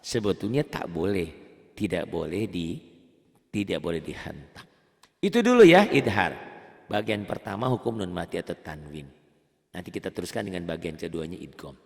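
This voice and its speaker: An Indonesian man teaching a beginner tajwid lesson, who asks and answers his own questions and chants the Arabic examples slowly. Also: vocal fry, a little mellow, long reverb tail. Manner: explains plainly, then chants Arabic examples slowly in a high voice. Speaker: Quran recitation teacher.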